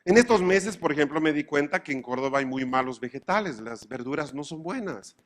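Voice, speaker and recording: A man giving a lecture to a live audience, animated and full of anecdotes, often asking his listeners if they follow him. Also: a little high, brisk. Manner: animated, often checks in with the audience through questions; acts out both sides of everyday dialogues.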